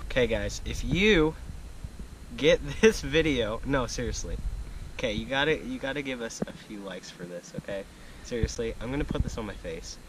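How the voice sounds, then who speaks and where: A young man chatting excitedly to a vlog audience outdoors, slangy and full of exclamations, as a wildlife explorer. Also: mid-range voice, moderate pace, background noise. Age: young adult. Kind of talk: casual excited vlog chat. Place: open desert scrubland, outdoors. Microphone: handheld action camera.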